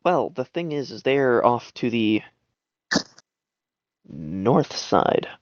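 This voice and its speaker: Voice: mid-range voice, very animated, slow pace, dry recording, highs cut off. A player describing their characters' moves in a tabletop game, rambling and hesitant, fighting yawns.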